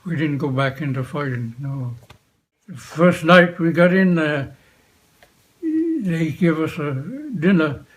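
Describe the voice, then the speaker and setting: An elderly man, a veteran, remembering his past in an unscripted interview, speaking in short, halting phrases with frequent pauses. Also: on the high side. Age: 80s or older. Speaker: war veteran being interviewed. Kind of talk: unscripted reminiscence, recalling the past.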